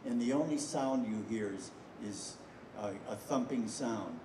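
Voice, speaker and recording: A man's voice: medium pitch, background noise. Older man, rambling anecdotal talk, distant mic, roomy hall. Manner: rambling and anecdotal, frequent "uh" pauses. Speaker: filmmaker introducing a screening. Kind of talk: storytelling speech to an audience. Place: festival screening hall. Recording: echoey hall, from far off.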